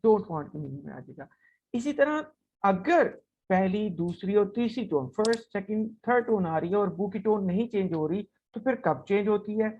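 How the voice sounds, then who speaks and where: A woman teaching a recorded language lesson, repeating example words slowly and often checking in with "right?". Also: medium pitch, animated, mellow. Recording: slightly dull, lo-fi recording.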